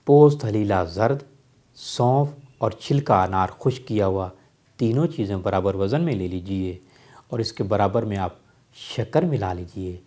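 A man from Pakistan explains herbal remedies in a steady, instructive talk, repeating his key phrases. His voice sits low and sounds mellow and relaxed, like a practitioner advising patients. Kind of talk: health remedy advice talk.

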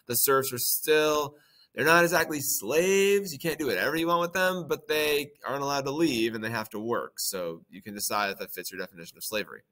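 A man's voice: lowish voice, bright, forceful tone. A man teaching a history lesson in a casual, conversational way, with frequent ums and playful acted-out quotes. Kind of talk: casual lecture.

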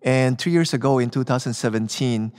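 A man's voice: mid-range voice, brisk, darkish tone. A middle-aged man speaking as a priest from a church lectern, with cathedral echo around his voice. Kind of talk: Gospel reading and homily from the lectern. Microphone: gooseneck lectern microphone.

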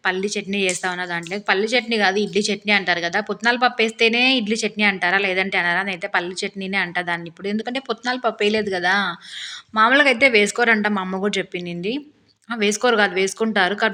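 A hoarse woman narrating her cooking vlog in a chatty, rambling voice-over. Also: medium pitch, pushed and bright. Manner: rambling, talkative, complains with humor. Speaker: cooking vlogger.

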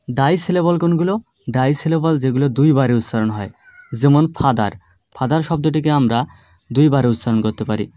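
A man teaching an online grammar lesson, explaining patiently and drawing words out slowly, syllable by syllable. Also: medium pitch, dark tone, dry recording. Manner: slow, drawn-out syllable-by-syllable demonstrations; patient, explanatory classroom delivery.

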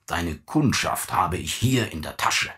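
A man's voice: deep voice, lively intonation, unhurried, heavily acted. A man reading an audiobook voices a domineering old father who scorns his son and bursts into ranting. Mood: scornful. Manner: contemptuous, bursts into shouting rants.

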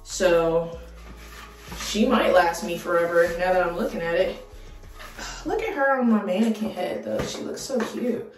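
Excitable young woman, slow, roomy sound. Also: fairly low pitch, far from the mic. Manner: excitable, dramatic exclamations. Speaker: beauty vlogger. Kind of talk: casual vlog chat. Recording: roomy, mic set back, faint music.

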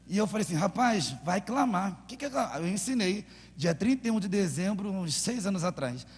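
A man's voice: high voice, animated, brisk, slightly rough. A man with a Brazilian Portuguese accent preaching a sermon as pastor, telling stories with fervent, dramatic delivery. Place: large church hall. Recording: echoey church hall with faint hum.

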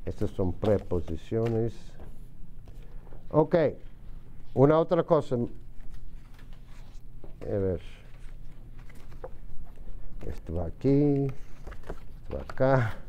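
A man teaching English to a class, patiently repeating words slowly for his students. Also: medium pitch, sing-song, mellow, a little hiss or hum. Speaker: ESL teacher. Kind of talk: classroom lesson.

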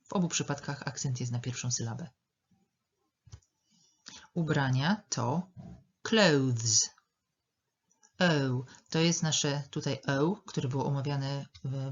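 A woman teaching an English lesson, speaking slowly and carefully and repeating words to show their pronunciation. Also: extremely low pitch, dull audio, a little hiss or hum. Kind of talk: language lesson.

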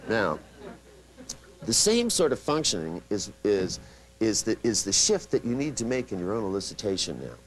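Lively, animated male seminar trainer. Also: fairly low pitch, normal speed, rough recording. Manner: animated storyteller who acts out quotes; many restarts and asides. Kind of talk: live seminar lecture.

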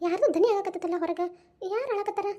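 A woman's voice: very high-pitched, fast talker, warm tone. A woman voicing a stern, unforgiving old village mother in a cartoon, scolding with a North Karnataka accent. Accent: North Karnataka Kannada. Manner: scolding, lecturing. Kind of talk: cartoon voice acting.

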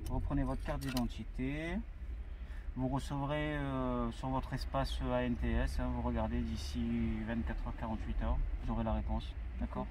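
A man working as a driving examiner, calmly giving casual instructions in a car, caught on a hidden mic. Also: mid-range voice, moderate pace. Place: inside a small moving car. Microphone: hidden camera mic on back seat. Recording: muffled hidden mic, distant, loud car noise. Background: loud car and road noise.

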